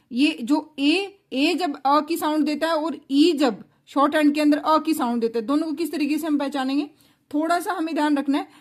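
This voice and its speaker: A woman teaching a shorthand lesson in Hindi mixed with English words, explaining step by step and checking understanding, with an Indian accent. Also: high voice.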